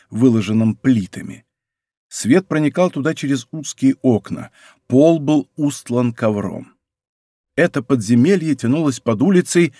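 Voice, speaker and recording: A man's voice: medium pitch, dark tone, no room sound. Man narrating a historical novel, dry. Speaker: audiobook narrator. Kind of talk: scripted literary narration. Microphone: close studio microphone.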